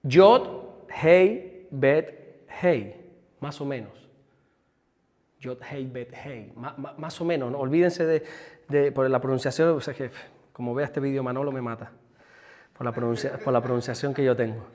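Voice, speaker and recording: A man preaching a sermon as pastor, teaching with lively emphasis and stopping for quick asides to the people around him. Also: mid-range voice, big-room sound. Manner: animated, with asides to helpers about the screen. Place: church hall.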